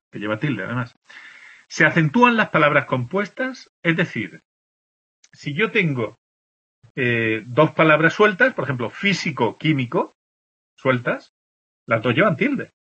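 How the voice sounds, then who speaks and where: A male teacher from explains the rules for written marks, saying example words slowly and checking in with the class again and again. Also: fairly high pitch, sharp tone, slightly rough. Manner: explains patiently, checks in with constant "¿de acuerdo?". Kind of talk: spelling lesson explaining accent marks. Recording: dull lo-fi recording.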